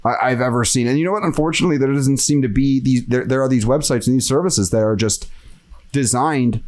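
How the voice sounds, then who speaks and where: A man's voice: medium pitch, fast, darkish tone. A man hosting a podcast, talking in casual chat and ranting with exasperated energy. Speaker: podcast host.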